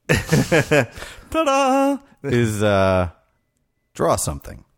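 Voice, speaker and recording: A man's voice: fairly low pitch, normal speed. A man co-hosting a podcast in casual chat, chatty and joking, laughing often. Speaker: podcast co-host.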